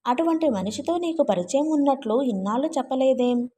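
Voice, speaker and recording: A man's voice: very high-pitched, fairly quick, warm tone, a little hiss or hum. A woman reading a brash young man's long rambling, self-mocking speech in a storybook. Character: rambling male friend, brash and wry.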